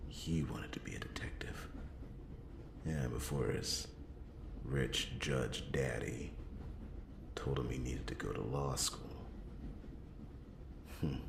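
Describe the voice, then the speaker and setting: Man acting a very deep, gravelly noir detective, whispered role-play. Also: full character voice. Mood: brooding, worried. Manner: brooding, hesitant, thinking aloud with sighs and pauses. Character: hungover, wry noir detective, a grown man muttering to himself. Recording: roomy echo, clear background noise.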